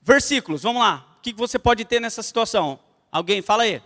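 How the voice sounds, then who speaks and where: A man's voice: sits high, quick pace, big-room sound. A Brazilian man teaching an evangelism class at church, telling stories and speaking straight to the class. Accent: Brazilian Portuguese. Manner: lively storytelling that addresses the class directly. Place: church hall.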